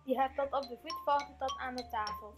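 A woman narrating a fairy tale in a steady, plain way for a school play. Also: high-pitched, fairly quick, over music.

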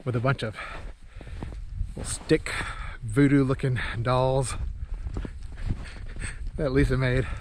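A man's voice: mid-range voice, steady tone, takes it slowly, pauses often, slight background noise. A man with an Upper Midwest accent rambling in a folksy, self-deprecating way while vlogging outdoors in snowy woods. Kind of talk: casual outdoor vlog.

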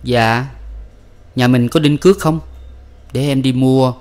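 A man doing a gentle, pious young wife. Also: fairly even intonation, takes it slowly, lightly acted. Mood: quiet. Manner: soft, pleading, higher voice.

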